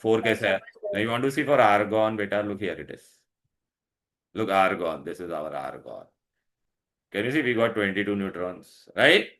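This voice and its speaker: Indian male teacher, fairly low voice. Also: animated, fairly quick, fairly bright tone. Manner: instructive, repetitive, checks understanding often. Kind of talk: online science lesson, questioning pupils.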